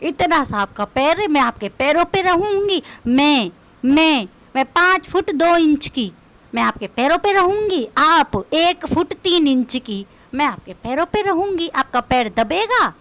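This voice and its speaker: A woman's voice: high-pitched, sing-song, a little slow, fairly bright tone. A woman doing a comic rant in a scolding, mocking, quarrelsome way. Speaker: comedian.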